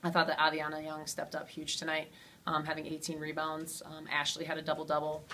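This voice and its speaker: A woman head coach answering postgame questions in a steady way, with frequent ums and you-knows. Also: sits low, a little fast, slight background noise. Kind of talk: postgame interview.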